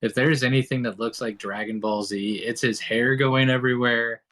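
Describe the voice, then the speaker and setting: A man's voice: mid-range voice, fairly even intonation, moderate pace, a bit bright, no echo, poor audio. A man gushing enthusiastically while chatting casually about comics. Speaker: podcast co-host.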